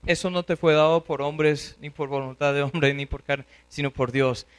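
A man preacher quoting a calm, authoritative male savior figure in a slow, low, solemn voice. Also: smooth, lightly acted.

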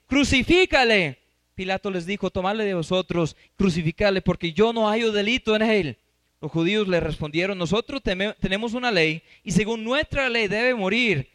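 A man's voice: high voice, a bit bright, no room sound. A man preaching and teaching from scripture. He reads passages aloud and stops to quiz his listeners. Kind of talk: Bible teaching.

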